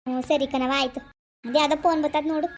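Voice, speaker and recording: A woman doing a fretful, fast-talking village mother. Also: sits high, fairly even intonation, lightly acted. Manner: fretful, sighing, rapid chatter. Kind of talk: animated cartoon voice acting.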